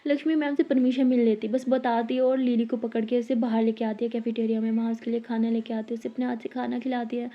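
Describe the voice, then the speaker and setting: Woman storyteller, calm conversational narration, slightly high voice, lo-fi recording. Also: fast talker, hardly any pauses. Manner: calm, conversational, clears throat now and then. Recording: slightly dull lo-fi audio.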